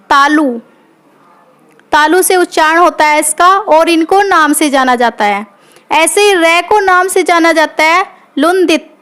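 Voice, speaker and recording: Woman teacher, very high voice, patient explainer who keeps checking in with the class. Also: fairly bright tone. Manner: patient, repeats points, checks in with "theek hai". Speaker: Hindi teacher. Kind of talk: classroom lesson explaining grammar.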